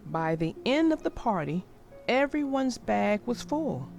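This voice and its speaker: A woman narrating a children's picture book aloud in a gentle, expressive storytelling manner. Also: on the high side, measured pace, vocal fry, soft background music.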